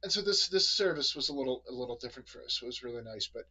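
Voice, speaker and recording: Bright rambling man, fillers galore. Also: medium pitch, lively intonation, racing, husky, low-quality recording. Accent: New England American. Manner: rambling, many fillers and restarts. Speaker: podcast host. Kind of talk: casual chat.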